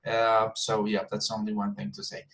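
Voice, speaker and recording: A man who speaks Spanish as his first language, teaching an English class online in a casual, halting way and often repeating words. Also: lowish voice, completely flat delivery.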